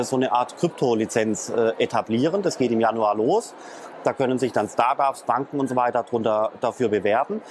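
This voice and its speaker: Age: adult. Sex: man. Pitch: mid. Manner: hesitant, filler-heavy explainer. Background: faint traffic. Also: a little mellow. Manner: hesitant, many filler sounds and restarts. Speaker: interview guest, blockchain expert. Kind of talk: explanatory interview talk. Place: in Frankfurt, near traffic.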